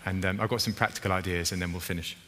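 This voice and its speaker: A man's voice: low-pitched, fairly even intonation, very fast, pushed and bright. Man, preacher, sermon, chatty, asks the congregation questions, long church reverb. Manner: conversational, asks the congregation questions, acts out scenes.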